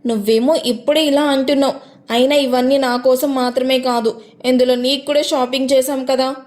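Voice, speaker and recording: A woman's voice: high-pitched, steady tone, brisk, darkish tone, natural voice. Abhi, a bubbly teasing young bride-to-be, read by a woman.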